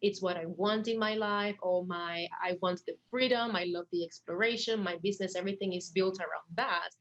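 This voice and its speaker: A woman's voice: fairly low pitch, steady tone, fairly quick, a bit bright, muffled recording. A young woman from Rico, speaking as an interview guest in a casual, enthusiastic way, often repeating words as she starts a thought. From Puerto Rico. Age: young adult. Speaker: guest, financial educator. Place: at home.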